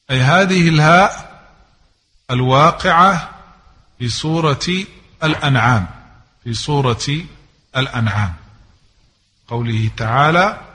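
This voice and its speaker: A man's voice: fairly high pitch, fairly bright tone, big-room sound. A man teaching Quran recitation rules, repeating each example word several times and sometimes chanting verses.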